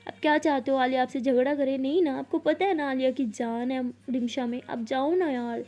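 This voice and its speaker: A woman's voice: high-pitched, fairly even intonation, mellow, lightly acted. A woman voicing an affectionate young woman who coaxes and pleads. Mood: coaxing.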